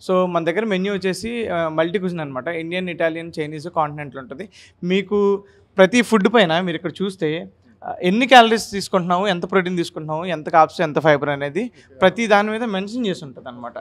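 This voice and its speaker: A man's voice: high-pitched, quick pace. Young man explaining his restaurant concept. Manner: explanatory, mixes in English words, fillers. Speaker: restaurant manager interviewed. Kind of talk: casual interview answers. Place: restaurant inside a gym, indoors. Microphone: handheld mic held by reporter.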